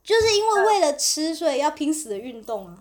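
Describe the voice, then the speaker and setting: A woman in casual podcast chat, lively, acting out boastful locals as she talks about food she ate abroad. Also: sits high, brisk. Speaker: co-host.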